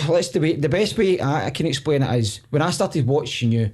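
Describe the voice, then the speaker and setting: A Scottish man hosting a podcast in casual chat, with quick, stumbling restarts. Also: a little high, animated, a little mellow. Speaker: podcast host.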